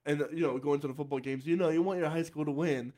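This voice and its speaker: A man's voice: on the high side, fast talker. A young man hosting a podcast in a casual chat, laughing often and tripping over repeated words. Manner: chatty, laughing, repeats words when excited. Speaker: podcast host.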